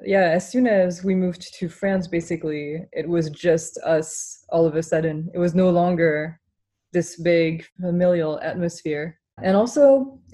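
A woman chef in her thirties from Singapore, talking reflectively in an interview with frequent pauses and fillers. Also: lowish voice, warm tone. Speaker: chef and guest. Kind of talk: casual interview.

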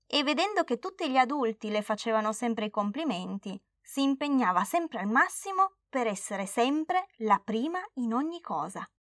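A woman narrating a children's storybook in a clear, steady, expressive way. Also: fairly high pitch, moderate pace, few pauses, dry recording, clean studio sound.

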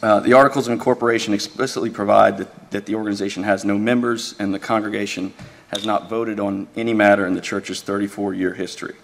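A man speaking as an attorney, giving a measured, deferential, formal oral argument in a courtroom. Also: lowish voice, fairly even intonation, creaky. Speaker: attorney arguing an appeal.

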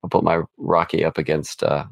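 A man's voice: rumbling low, level tone, brisk, vocal fry, no echo. A middle-aged man co-hosting a casual sports podcast, often restarting his sentences and laughing playfully. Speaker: podcast co-host.

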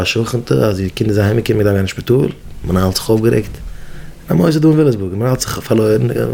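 A man teaching educators in a rabbinic lecture, telling stories in halting, repetitive speech. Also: medium pitch, vocal fry, a little mellow, slight background noise. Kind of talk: Yiddish-flavored Torah lecture.

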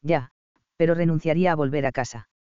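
Man voicing a homesick young woman doctor, smooth clear voice, audiobook read. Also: a little high, steady tone, brisk, a little mellow, no echo, highs cut off, close to an everyday voice. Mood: unsure.

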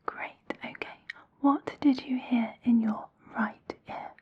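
A woman whispering slow, reassuring instructions in an ASMR hearing-test roleplay. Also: on the high side, steady tone, slightly rough, dull audio.

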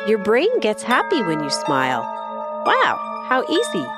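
A woman gently guiding children through a mindfulness exercise in soft, slow instructions. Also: medium pitch, wildly swooping pitch. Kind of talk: guided meditation. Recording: voice over clear music. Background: background music.

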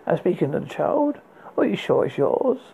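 A man's voice: on the high side, big pitch swings, gravelly, dark tone, breathy edge, heavily acted, low-quality recording. A man doing a cold, menacing enchantress. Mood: scornful. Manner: cool, slow, threatening.

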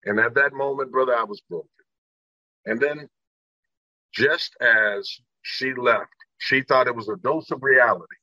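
A man's voice: medium pitch, a little slow, sharp tone, no room sound, low-quality recording. A middle-aged man from Indiana, a guest telling his life story earnestly and acting out the people in it. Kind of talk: personal storytelling in an interview.

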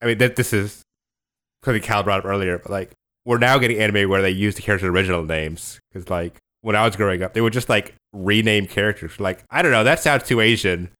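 Low-voiced man in easygoing chat. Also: fairly even intonation, quick pace, fairly bright tone. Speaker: podcast co-host. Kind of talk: casual chat.

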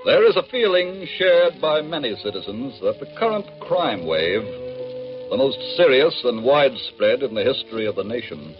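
Animated, solemn 1940s radio narrator man. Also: medium pitch. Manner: solemn, measured emphasis. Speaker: narrator of a radio crime drama. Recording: muffled old radio disc.

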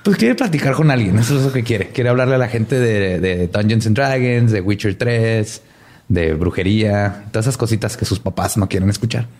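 A man's voice: on the low side, moderate pace, darkish tone. A young man co-hosting a podcast, joking in a mock-serious, playful way. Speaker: podcast co-host. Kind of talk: casual chat.

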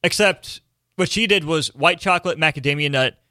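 A man hosting a radio sports show, running a trivia game with quick, playful banter. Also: fairly high pitch, bright, forceful tone, no room sound, studio quality.

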